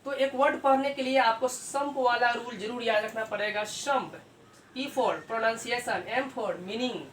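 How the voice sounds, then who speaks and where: A man teaching grammar at a board, who asks himself questions, answers them and repeats key terms slowly. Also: very high-pitched. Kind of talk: explaining a lesson at a board. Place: room with a writing board. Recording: echoey room, mic far off, faint hiss.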